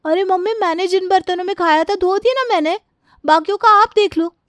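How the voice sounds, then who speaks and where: A woman voicing a lazy, cheeky teenage daughter in a cartoon, high and careless. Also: brisk, no room sound.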